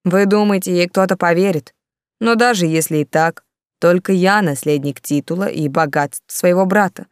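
A woman's voice: lowish voice, moderate pace, clean tone, dry recording, studio quality, lightly acted. A woman reading the part of a lazy, sarcastic young count who drawls his words. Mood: sardonic. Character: lazy sardonic young count, fond of wine.

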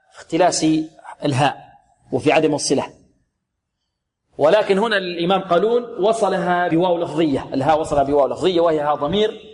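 A man teaching the rules of Quran recitation in a lesson, asking rhetorical questions, answering them himself, and slowly repeating words to show how they should sound. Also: a little high. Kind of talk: tajweed lesson, explaining and demonstrating recitation. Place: religious radio program recording.

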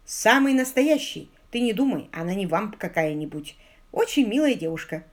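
A woman reading the part of an eager, flustered young man in love, talking fast to explain himself. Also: medium pitch, expressive, natural voice. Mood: pleading.

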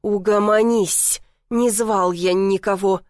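A woman voicing a gruff, exasperated male boss in an audiobook, barking and indignant. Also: mid-range voice, fairly even intonation, slow pace, a little mellow, no room sound, studio quality, close to an everyday voice. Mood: angry. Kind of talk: audiobook character voice.

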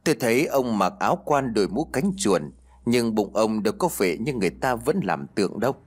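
A man's voice: lowish voice, lively intonation, a little fast, breathy edge. Man narrating a ghost story. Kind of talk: scripted horror story narration.

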